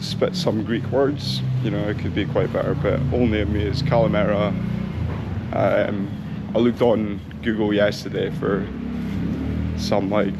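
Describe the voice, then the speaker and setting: While walking through outdoor town streets and into a bakery, a young man vlogs chattily in a low, gravelly voice, pondering out loud with many ums. Heavy traffic and the hum of the town come through his action camera mic.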